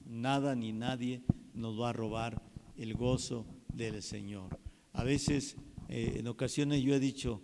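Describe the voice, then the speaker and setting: A man preaching a sermon as pastor, swinging from hushed passages to loud exclamations. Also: mid-range voice, gravelly, slight background noise. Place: church hall. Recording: reverberant church hall.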